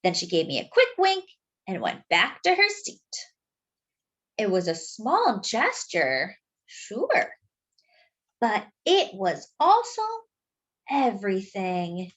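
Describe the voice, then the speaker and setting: Slow, animated woman reading aloud. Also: medium pitch. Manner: expressive, pausing to point out pictures. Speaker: children's storyteller. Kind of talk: picture book read-aloud.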